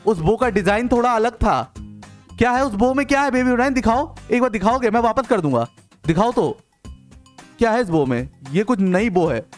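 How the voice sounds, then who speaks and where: Young male gaming host, high bright voice, playful and coaxing, soft music under the talk. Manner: playful, coaxing, quick repeated interjections. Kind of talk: excited gameplay commentary.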